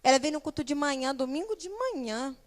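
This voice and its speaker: High-voiced young woman preaching. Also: a little fast. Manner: animated, speaks directly to the congregation with rhetorical questions. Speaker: guest preacher and small-group leader. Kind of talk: sermon. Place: church.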